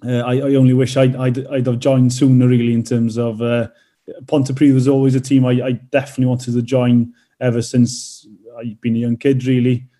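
A rugby player and teacher from North Wales, in his thirties, answers interview questions with many fillers and restarts. His voice is medium in pitch, level and mellow, at a moderate pace.

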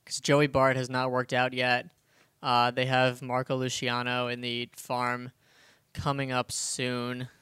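A man's voice: mid-range voice, completely flat delivery, a bit bright, clear, resonant tone, no room sound, clean studio sound. Eager man reeling off sports stats. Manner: quick, enthusiastic, reads stats aloud. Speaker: podcast co-host. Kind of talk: casual sports chat.

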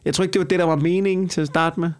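A Danish man with a slightly raised pitch talks as a podcast host in very dry sound. He chats casually, swears heavily and rants in an incredulous way. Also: fairly even intonation, clear, resonant tone, no echo. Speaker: stand-up comedian.

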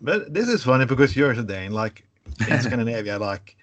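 A man whose first language is Norwegian, hosting a podcast in a casual, relaxed way. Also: medium pitch, brisk. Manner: relaxed, conversational, laughs easily. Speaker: podcast host.

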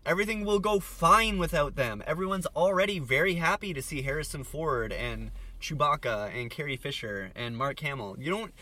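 A man co-hosting a casual film-review podcast, blunt, sweary and animated. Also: fairly high pitch, normal speed, few pauses. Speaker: podcast co-host.

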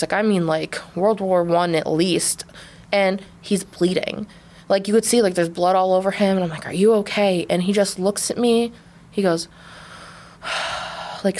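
A woman in her twenties co-hosting a podcast, telling a story in a casual, animated way, full of laughs and "like". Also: mid-range voice. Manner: animated, laughing, heavy use of "like". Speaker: podcast co-host.

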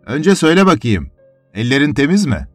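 A man voicing a vain, pompous middle-aged army major who exclaims loudly and boastfully. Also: lowish voice, animated, normal speed, no echo, soft background music, close to an everyday voice.

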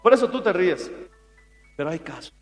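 A male pastor preaching a sermon in an animated storytelling way, acting out what people said. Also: high-pitched, moderate pace. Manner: animated storytelling, acts out quotes. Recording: reverberant hall with faint music.

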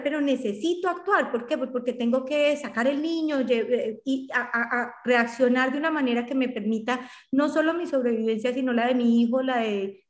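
A middle-aged woman psychologist speaks earnestly and explains step by step, often restarting her sentences. Her voice sits fairly high and carries a roomy echo. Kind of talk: conversational interview explanation.

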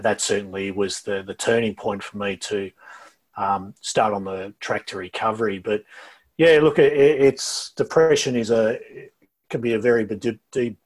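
A middle-aged Australian man speaking as an interview guest over a low-quality video call, talking in a halting way and often repeating words before going on. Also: breathy edge. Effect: low-quality video call audio. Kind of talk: casual interview talk.

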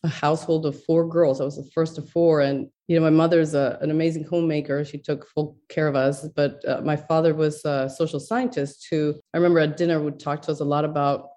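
Thoughtful middle-aged woman from Ecuador, mellow. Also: low-pitched. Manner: thoughtful, with many fillers and restarts. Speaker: neuroscientist guest. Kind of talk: interview.

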